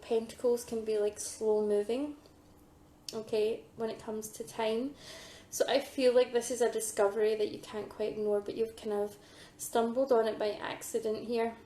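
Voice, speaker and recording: A psychic medium gives a pick-a-card tarot reading, hesitant and full of ums, losing her voice and clearing her throat. Her voice is a little high, level, and warm at normal speed, in an echoey room.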